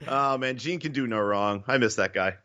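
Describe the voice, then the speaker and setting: A man with a bright, pointed voice co-hosts a casual wrestling podcast, arguing his ratings bluntly and swearing freely. The sound is a little muffled and lo-fi. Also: medium pitch, normal speed. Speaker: podcast co-host. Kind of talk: casual wrestling recap chat.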